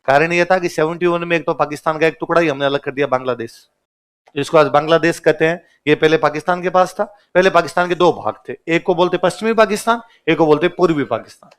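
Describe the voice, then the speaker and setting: A man lecturing a class in a slightly high-pitched voice. He tells history in easy everyday words, stopping often to ask the class a question and then answering it himself. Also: fast talker, smooth. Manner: casual, colloquial storytelling. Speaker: history teacher.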